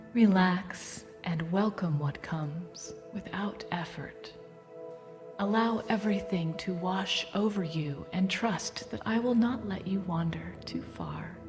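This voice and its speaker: A woman playing a serene, motherly Earth Mother goddess in a guided-meditation audio drama, with a warm, soothing, softly breathed voice. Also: medium pitch, takes it slowly, close to an everyday voice. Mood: serene, nurturing. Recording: music bed behind the voice.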